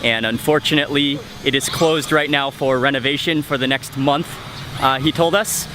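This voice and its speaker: The host of a travel vlog speaks to the camera in a casual, narrating style as he goes out. His medium-pitched voice stays steady at a moderate pace, while background noise of music, street and vehicles fills the outdoor scene.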